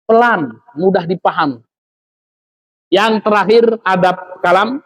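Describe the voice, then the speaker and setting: A man's voice: sits high, unhurried, poor audio. A man giving a religious study lecture as an Islamic teacher, talking in a conversational way with frequent tag fillers. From Lampung, Indonesia.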